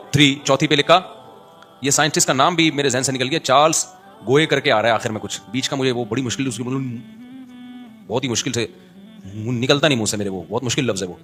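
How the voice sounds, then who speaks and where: A man's voice: mid-range voice, fairly bright tone. A male Islamic scholar giving a conversational religious talk, mixing jokes and everyday examples with recited Arabic verses.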